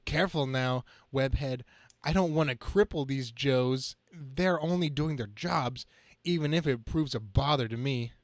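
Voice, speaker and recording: A man's voice: mid-range voice, unhurried, no room sound, studio quality, natural voice. Wisecracking, fretful superhero Spider-Man, read by a man. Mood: cocky, weary. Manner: quippy, self-pitying, dramatic reading from a page. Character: wisecracking, anxious young male comic-book superhero.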